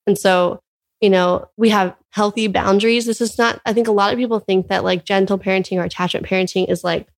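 A woman's voice: mid-range voice, fairly even intonation, a little fast, vocal fry. A young woman from California, a mother of young children, talking earnestly in a casual interview, with lots of "like" in her speech. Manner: earnest, filler-heavy with frequent "like". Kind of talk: casual conversation.

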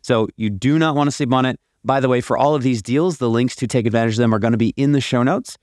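A man's voice: medium pitch, quick pace, a little mellow, no room sound. A man hosting a podcast from an attic, delivering an emphatic, promotional scripted monologue about offers. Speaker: podcast host. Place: attic of a house. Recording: dry, produced podcast audio recorded in an attic.

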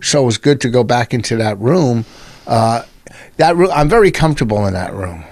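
A man's voice: mid-range voice, lively intonation, a little fast, a little mellow, no room sound. A male comedian co-hosting a podcast, teasing and insistent, talking over his co-host in casual banter.

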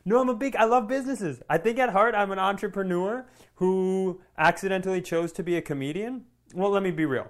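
High-pitched and brisk, barely pausing, the comedian rattles through exaggerated, expletive-laden stories while bantering casually on the podcast he co-hosts.

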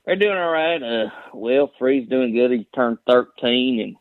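A man's voice: medium pitch, expressive, unhurried, no echo. A man with a Southern Appalachian accent chatting casually as a phone-in caller in a folksy, drawling, storytelling way. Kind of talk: casual chat. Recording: dull, band-limited phone call.

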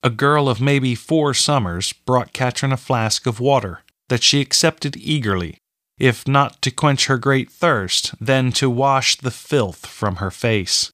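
A man narrating a fantasy audiobook in a steady, measured way. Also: mid-range voice, dry recording, studio quality.

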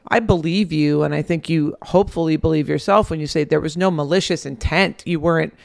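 A woman therapist speaking in a gentle, reflective and reassuring way. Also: deep voice, brisk, vocal fry, no echo, clean studio sound. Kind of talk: counseling conversation.

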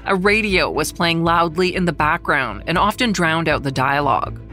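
A middle-aged journalist narrating a true-crime story in a measured, somber way, slowing down on the grave details. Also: medium pitch, lively intonation, pushed and bright, faint music behind. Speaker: journalist who covered the trial, narrating.

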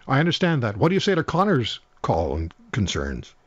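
A man hosting a call-in radio show, moderating briskly between callers and guests. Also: medium pitch, wildly swooping pitch, muffled recording, a little hiss or hum. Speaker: radio talk show host.

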